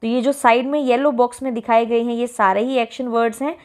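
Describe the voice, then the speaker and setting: A woman teacher with an Indian English accent, explaining a school textbook lesson and reading example sentences slowly and clearly. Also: a little high, fairly even intonation, darkish tone.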